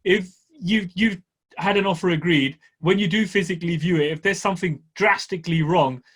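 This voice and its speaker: Blunt, swearing man with a higher voice. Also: brisk, fairly bright tone, breathy edge. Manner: blunt, direct, swears casually. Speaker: podcast co-host, property investor. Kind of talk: casual podcast chat.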